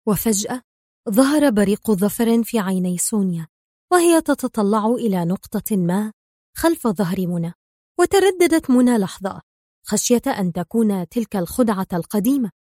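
Expressive woman storyteller, dry sound. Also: medium pitch, normal speed, no echo. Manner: expressive reading. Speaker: narrator. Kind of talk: dramatic storytelling of a spy novel.

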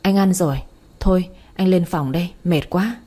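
A woman voicing a smooth-talking, lazy young husband who flatters his wife, speaking in a coaxing way. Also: on the low side, moderate pace. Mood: offhand. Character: middle-aged man, smooth-talking lazy son-in-law.

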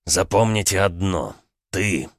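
A man's voice: low-pitched, lively intonation, slow pace, full character voice. A man voicing a stern older prince who gives curt, menacing commands to his son. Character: stern, cold older male prince, a father.

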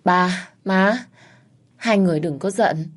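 A woman's voice: lowish voice, slow, voice pushed up. A woman voicing a weak young wife who has just woken, speaking in a faint, feeble voice in a spoken story. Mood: weak, apologetic. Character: weak young wife after a suicide attempt.

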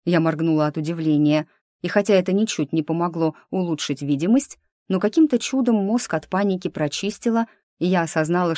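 A woman narrating a first-person audiobook in a lively, ironic storytelling manner. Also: lowish voice, dry recording, clean studio sound.

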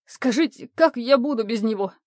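A woman voicing a plump grieving woman who speaks in a slow, tragic, drawn-out way in an audiobook. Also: fairly high pitch, darkish tone, no echo, studio quality, close to an everyday voice.

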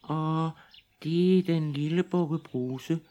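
A man voicing a small, timid billy goat in a children's fairy tale reading, with a fine, high voice. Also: warm tone, lightly acted. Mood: pleading.

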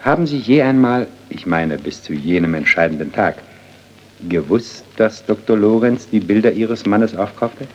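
A calm investigator with a very deep voice, asking measured, probing questions, as a man acts him out. A dull old 1930s radio recording gives it a muffled sound with a faint hiss. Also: lightly acted.

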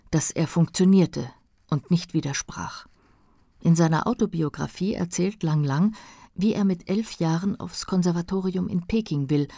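Mellow low-voiced woman narrating a radio feature. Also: dry recording, clean studio sound. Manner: calm, even reading. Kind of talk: scripted radio documentary narration.

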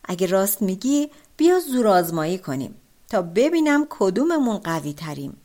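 A woman's voice: mid-range voice, big pitch swings, mellow, natural voice. A woman voicing a brave, cheeky young man who mocks a demon in a folk tale. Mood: defiant. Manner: defiant and mocking.

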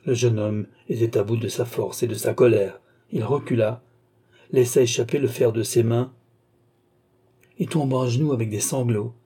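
Dark, husky male audiobook narrator. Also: medium pitch. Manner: measured, expressive storytelling.

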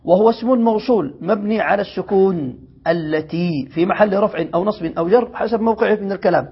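A high-pitched man with a gravelly, husky voice teaches a classical grammar lesson. He reads passages from the text, then explains them and keeps checking that his students follow. The recording is dull and lo-fi. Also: fast. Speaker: sheikh teaching Arabic grammar.

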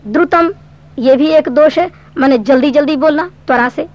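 Woman, high voice, Sanskrit teacher, patient step-by-step lesson, dull lo-fi recording. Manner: patient, explains step by step, recites verse slowly. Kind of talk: explanatory grammar lesson.

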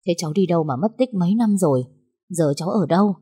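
A woman voicing a kindly older male school guard who exclaims loudly at first and then drops to a hushed tone. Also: on the low side, lively intonation, fast, breathy edge, no echo, clean studio sound. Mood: surprised, concerned.

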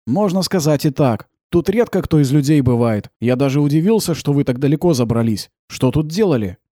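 A man voicing a calm, laconic male driver in an audiobook, answering slowly and flatly. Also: on the high side, no room sound, clean studio sound. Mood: calm, matter-of-fact. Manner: calm, slow, unhurried replies.

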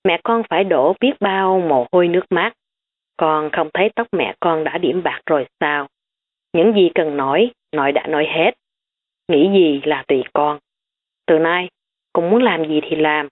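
A woman's voice: sits low, measured pace. A woman voicing a stern elderly grandmother who lectures her family firmly. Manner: firm, lecturing. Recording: tinny phone-like recording.

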